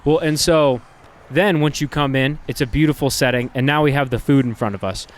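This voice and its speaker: A man's voice: medium pitch, a little fast. A man hosting a podcast, setting the scene and inviting the guests to introduce themselves. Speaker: podcast host. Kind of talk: casual interview.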